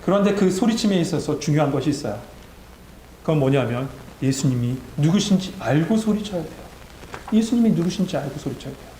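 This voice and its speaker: A man's voice: a little high, animated, a little fast, mellow. A male pastor preaching a sermon to his congregation. He exhorts his listeners and builds to emphatic peaks. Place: church sanctuary. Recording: echoey church sanctuary with faint hum.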